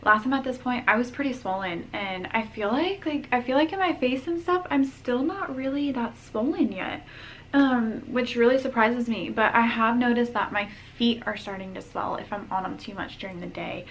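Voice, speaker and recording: A woman's voice: a little high, expressive, normal speed, slight background noise. A pregnant young woman giving a casual vlog update, chatty and full of ums and likes, a little out of breath. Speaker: vlogger.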